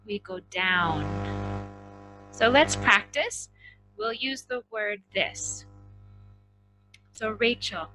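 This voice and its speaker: A woman teaching an English vocabulary and intonation lesson, slowly and deliberately, repeating words so students can practice. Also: mid-range voice, rough recording.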